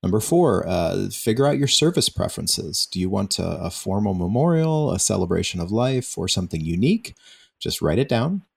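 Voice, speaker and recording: A man with a very low voice walks listeners through planning steps on a radio advice program. He talks in a relaxed, conversational way, laughing lightly and often restarting a word mid-sentence. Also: moderate pace, vocal fry, breathy edge. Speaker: financial advisor guest. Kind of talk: radio show advice talk.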